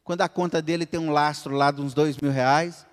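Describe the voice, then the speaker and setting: Animated preaching man in an echoing church. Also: on the high side, a little fast, smooth. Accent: Brazilian Portuguese, Minas Gerais. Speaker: pastor. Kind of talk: sermon. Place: church hall. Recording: long church reverb.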